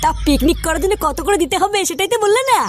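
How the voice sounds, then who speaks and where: A shrill, whiny young man from a cartoon, as a woman voices him, sulking and demanding money in a quick patter. Music plays behind. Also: expressive. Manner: whiny, sulky. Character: cheeky young man, spoiled rude son. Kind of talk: cartoon voice acting.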